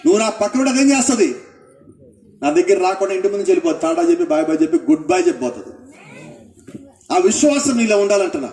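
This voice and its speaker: A man's voice: high-pitched, sing-song, quick pace, long pauses, darkish tone, reverberant, far from the mic. A male pastor preaching a sermon, asking the congregation questions and acting out what people say.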